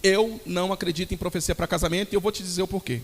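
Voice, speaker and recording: A young Brazilian man preaching a sermon to his congregation, telling lively stories and calling them brothers. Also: sits high, racing, in a large hall, a little hiss or hum. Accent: Brazilian Portuguese. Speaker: pastor.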